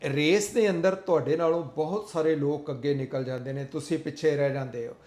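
A man's voice: a little high, a little fast, a little mellow, reverberant. A man giving an earnest motivational talk, repeating his points in a sermon-like way. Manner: earnest, repetitive, sermon-like delivery. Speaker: motivational speaker.

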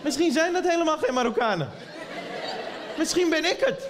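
A man performing a stand-up comedy routine, telling a story in an animated way and acting out the voices. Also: extremely high pitch, moderate pace, over a noisy crowd. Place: theater stage with audience. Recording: live theater recording with long reverb and audience noise.

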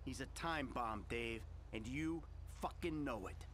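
A man's voice: medium pitch, measured pace, a bit bright, slight background noise, natural voice. A man playing a cynical, irritable criminal in a game, sardonic and profane. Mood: exasperated. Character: cynical, irritable middle-aged male criminal.

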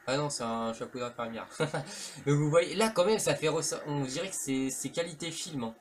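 A man's voice: a little high, moderate pace. Rambling man commenting on a game. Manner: rambling, hesitant, filler-heavy, casual slang. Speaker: let's play commentator. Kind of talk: casual gameplay commentary. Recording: faint background noise.

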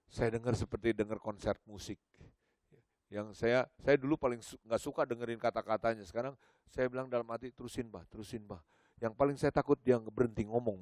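An older man preaching at a church service, telling personal stories in an animated way and acting out the dialogue. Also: medium pitch, no echo, clean studio sound. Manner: animated storytelling, acts out dialogue. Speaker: pastor. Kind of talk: sermon.

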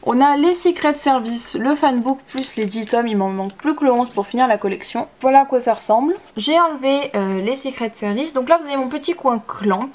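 Chatty young woman, slightly high voice. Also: a little fast, few pauses, a little mellow. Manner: chatty, hesitant with frequent fillers. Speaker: manga collection vlogger. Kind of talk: casual shelf tour narration.

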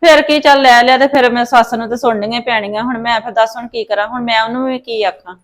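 A woman's voice: a little high, steady tone, quick pace, natural voice. A woman playing a fretful, pleading mother-in-law. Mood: worried. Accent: Punjabi. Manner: pleading, worried, calls others "putt".

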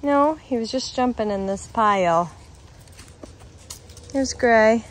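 With a slow pace and lively intonation, a woman whose voice sits on the high side talks casually to her handheld phone as a parent vlogger. She's American and in her thirties, and the noisy recording follows her from inside the house out to the yard and driveway.

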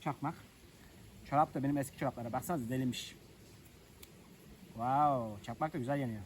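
A man's voice: medium pitch, a little fast, slight background noise. A man vlogging outdoors in the countryside, chatting and joking with viewers while he lights a fire. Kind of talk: casual chat to camera. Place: outdoors in rural nature.

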